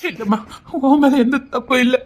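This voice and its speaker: A woman's voice: high voice, brisk. A woman acting a tender, tearful father who has found his daughter again, with a Tirunelveli Tamil accent.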